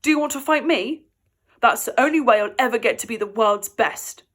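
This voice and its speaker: A woman's voice: a little high, fairly quick. A woman voicing an eager, naive young boy who talks earnestly about becoming the best at something. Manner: earnest and bright-eyed.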